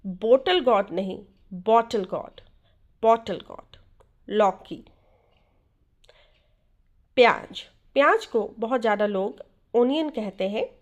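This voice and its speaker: A woman with an Indian accent teaches vocabulary at an unhurried pace. Her voice sits a little high, and she drills each word by repeating it and asking the listener to say it back. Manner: repeats each word slowly, asks quiz questions. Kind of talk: slow, drilled vocabulary lesson.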